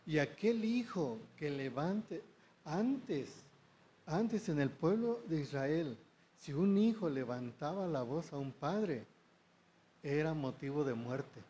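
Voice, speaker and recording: A man preaching, unhurried and measured. His voice sits a little high for a man yet sounds mellow and soft-edged. He keeps turning to the congregation with short questions. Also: expressive, slight background noise. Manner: slow, addresses the congregation with rhetorical questions. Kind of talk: sermon.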